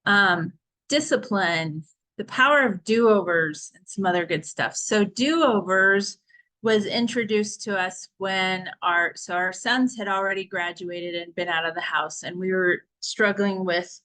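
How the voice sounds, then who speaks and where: A middle-aged woman counselor giving a training talk to parents in a calm, measured, explanatory way. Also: medium pitch, poor audio.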